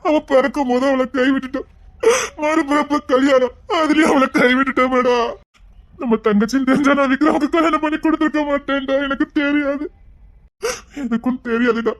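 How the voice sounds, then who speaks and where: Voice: mid-range voice, normal speed, close to an everyday voice. A performer playing a grown brother, desperate and tearful, pleading again and again to bring his sister home, with a Tirunelveli Tamil accent. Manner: pleading, tearful, repeats himself. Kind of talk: emotional web-series acting.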